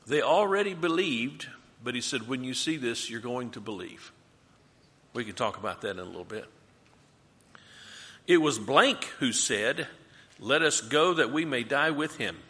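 Bible study leader, male, lively questioning delivery, bright tone in a reverberant room. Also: medium pitch, normal speed. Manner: animated, asks the group questions. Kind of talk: group Bible study teaching.

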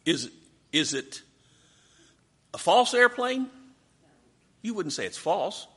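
Animated husky-voiced man teaching Bible class. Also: sits high, slow pace.

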